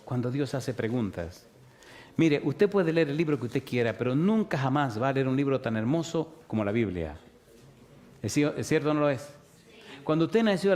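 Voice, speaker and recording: Dominican guy preaching, mid pitch, keeps asking sí o no, goes loud then real quiet. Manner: asks the audience rhetorical yes-or-no questions, swings from loud to hushed. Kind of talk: sermon.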